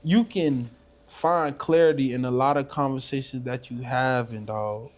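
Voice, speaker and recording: A man's voice: medium pitch, steady tone, a little slow, a little mellow. A man, talking about faith in a casual podcast chat, emphatic and preachy, repeating phrases for weight. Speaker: podcast host.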